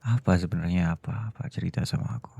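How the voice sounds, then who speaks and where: A man voicing a stern boss who is also a doting husband, in a whispered role-play that goes from cold scolding to soft pleading. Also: deep voice, fast talker, gravelly, slightly rough, no room sound, heavily acted. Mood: gentle pleading. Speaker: voice actor.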